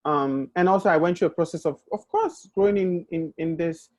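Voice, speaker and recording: A woman's voice: fairly low pitch, fairly quick, a little mellow, no room sound. A woman from Nigeria hosting a conversational interview, asking questions in a friendly, curious way with many ums. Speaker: host.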